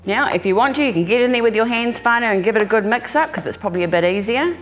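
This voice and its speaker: Music plays in the background as a home cooking show host with a New Zealand accent chats informally through her demonstration, treating viewers like family. She talks fast, with a fairly high pitch and lively intonation.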